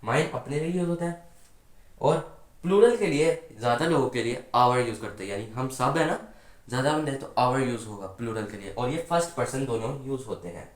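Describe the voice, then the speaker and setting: A man's voice: medium pitch, reverberant. A man teaching a grammar lesson patiently, often asking his students questions and answering them himself. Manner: patient, asks the class rhetorical questions. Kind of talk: explanatory classroom lesson.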